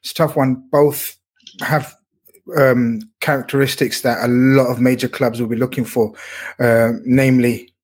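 A man's voice: mid-range voice, flat delivery, moderate pace, darkish tone. A man in a casual sports discussion, giving his view as a pundit and often repeating words as he weighs it. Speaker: football pundit.

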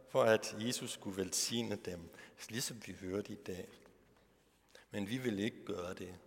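A man preaches a sermon at a middle pitch, stopping often to ask his listeners questions. His voice rings out with the long reverb of a church hall, as a pastor addressing a congregation would. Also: gravelly. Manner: asks rhetorical questions of the congregation.

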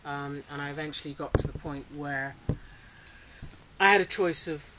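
Speaking at a moderate pace in a low-pitched voice, a middle-aged farmer talks casually about her farm during an interview. She grew up in Singapore, chats easily, laughs often and hesitates with lots of fillers. The setting is a polytunnel, with rain on the tunnel and faint hiss in the background.

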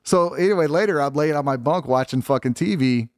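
A man's voice: a little high, a little fast, no echo, clean studio sound. A man guest telling his story in a casual, candid way, swearing freely and using lots of fillers. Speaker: interview guest.

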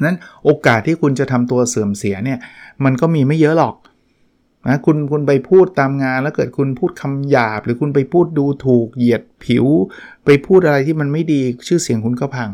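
Talking a little fast in a medium-pitched, slightly mellow voice, this man hosts a casual solo book review podcast. Along the way he chats and acts out small quoted examples.

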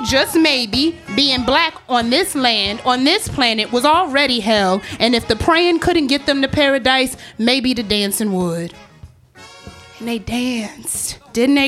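A woman's voice: a little high, a bit bright. Woman playing a sly, taunting narrator. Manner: teasing, calls listener girl, sing-song swoops. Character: taunting antagonistic female narrator, sly and relentless. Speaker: stage actor. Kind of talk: theatrical poetic monologue.

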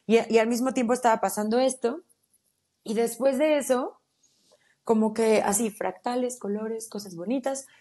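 A woman with a Mexican accent, a podcast guest telling a personal story in a casual, animated and slangy way. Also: on the high side, moderate pace. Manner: animated, slangy, acts out her own quotes.

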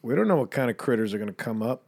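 A man's voice: medium pitch, expressive, racing, gravelly, darkish tone, breathy edge. A man co-hosting a podcast in casual chat, sarcastic and profane, full of joking banter. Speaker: podcast co-host.

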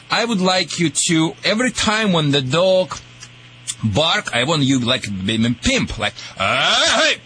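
Bright-voiced Russian-accented man hosting radio. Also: sits high, poor audio. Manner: halting non-native English phrasing, repeats words. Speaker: radio call-in show host, dog trainer. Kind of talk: jokey radio advice talk.

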